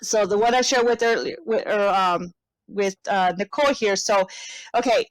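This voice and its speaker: A woman's voice: medium pitch, normal speed, no echo, low-quality recording. A woman in her thirties co-hosting a podcast, chatting casually over a headset, laughing often and swearing freely. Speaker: podcast co-host.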